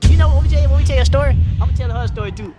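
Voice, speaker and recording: A man's voice: very high-pitched, racing, over loud music. A young man interviewing people on the street, teasing and pressing them with repeated questions. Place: outdoors on a street.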